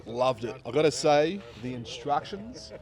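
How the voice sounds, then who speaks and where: A man's voice: medium pitch, animated, measured pace, a little mellow. A man chatting casually as a guest, slightly distant with chatter behind. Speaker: guest helper. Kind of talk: casual chat.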